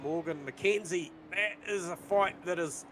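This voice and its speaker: A man doing live sim racing commentary, calling out lap times and battles on track, rising in excitement at overtakes. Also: high-pitched, a little slow, background noise.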